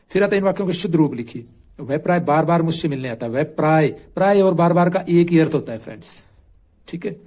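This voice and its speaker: A man's voice: on the high side, dark tone. A man coaching exam candidates, going patiently through a marked answer sheet and repeating the key points.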